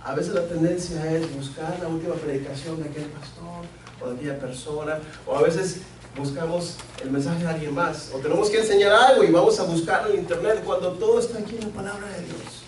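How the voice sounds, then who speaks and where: In an echoey sanctuary, a Mexican pastor gives his sermon in a fairly high voice at a fairly quick pace, earnestly repeating key phrases. The microphone sits at a distance, and there's a little hiss or hum.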